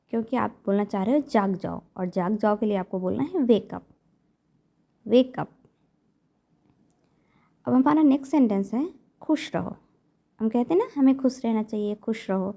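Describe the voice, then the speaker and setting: A woman teaching parents everyday English phrases to use with children, repeating each phrase slowly and carefully. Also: on the high side, vocal fry, dark tone, lo-fi sound. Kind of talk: spoken English lesson for parents.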